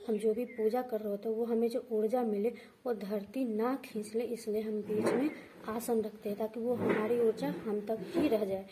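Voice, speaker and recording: A woman's voice: on the high side, very noisy. A woman teaching a devotional ritual step by step, patiently repeating each point and checking in with her viewers. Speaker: astrology and vastu teacher. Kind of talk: devotional how-to instruction.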